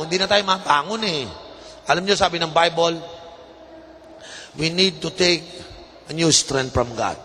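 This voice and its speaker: A man with a Filipino accent preaching a lively, humorous sermon, mixing Tagalog and English and acting out little scenes for the congregation. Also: a little high, a little hiss or hum. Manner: animated, mixes Tagalog and English, acts out anecdotes in changing voices. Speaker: bishop preaching. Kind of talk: lively sermon with humor and audience call-and-response. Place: church hall. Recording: reverberant hall with faint ambience.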